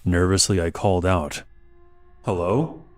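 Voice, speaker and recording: Male horror narrator, very deep voice, measured and steady delivery. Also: a little hiss or hum. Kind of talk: scripted horror story narration.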